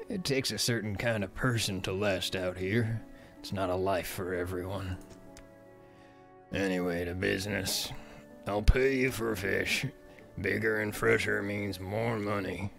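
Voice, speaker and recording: A man voicing a gloomy middle-aged fishmonger, talking slowly and wearily in a video game. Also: fairly low pitch, creaky, faint music behind. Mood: grim.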